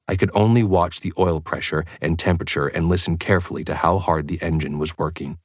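Deep-voiced man narrating an audiobook. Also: no room sound, studio quality. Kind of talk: scripted first-person narration.

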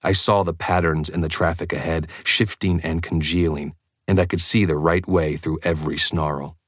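Deep-voiced man narrating an audiobook. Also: fairly even intonation, normal speed, no echo, clean studio sound. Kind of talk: scripted first-person narration.

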